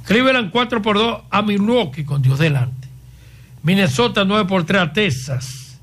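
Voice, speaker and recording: A Dominican man co-hosting a sports radio show, reading scores in quick bursts and trading jokes with his co-hosts. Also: sits high, lively intonation, a bit bright. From Dominican Republic. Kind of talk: lively sports radio banter.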